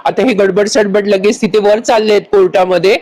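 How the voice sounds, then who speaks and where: A woman's voice: medium pitch, steady tone, moderate pace, darkish tone, rough recording. A woman narrating a TV serial recap, chatty and speaking to viewers. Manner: chatty, addresses viewers directly.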